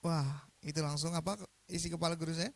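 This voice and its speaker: A young man giving a motivational talk, telling a story in an animated, jokey way and often putting questions to his audience. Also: a little high, fast, creaky, dry recording. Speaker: motivational speaker.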